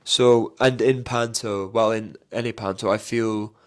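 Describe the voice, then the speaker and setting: A man with a mild Scottish accent casually telling anecdotes as a theatre performer in a rambling, animated way. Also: on the low side, unhurried. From Scotland. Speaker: musical theatre and panto performer, guest.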